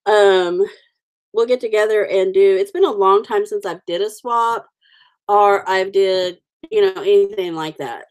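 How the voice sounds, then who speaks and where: With a mid-range voice and a slightly slow pace, this Oklahoma woman hosts a livestream, coloring stamped cards as she chats casually. She's sniffling a bit and greets viewers by name.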